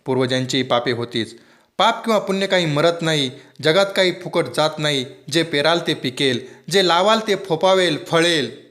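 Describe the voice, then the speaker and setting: A man reading a book aloud in an expressive storytelling manner, lifting and dropping his voice with the story. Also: on the high side, normal speed. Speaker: reader.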